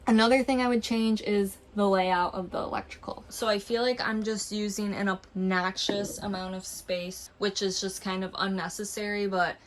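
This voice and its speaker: A young woman talks her way through a tour of her van build in a casual, chatty, upbeat way, cracking small jokes as she goes. Her pitch sits in a middle range for a woman. A faint hiss runs underneath the recording. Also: fairly even intonation, normal speed, hardly any pauses, low-quality recording. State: out of breath. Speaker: vlogger. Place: inside a parked van.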